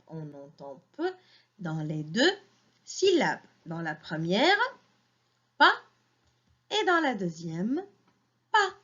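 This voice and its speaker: A woman teacher giving a slow phonics lesson to young children, sounding out syllables and praising them. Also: medium pitch. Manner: slow, clearly syllabled, encouraging teacher talk. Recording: dull lo-fi recording.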